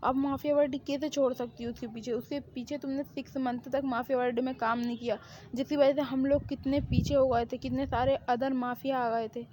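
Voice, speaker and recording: A woman's voice: high voice, little pitch movement, brisk, warm tone, slight background noise, natural voice. A woman voicing a middle-aged male mafia boss who lectures his daughter sternly, in a homemade fan drama.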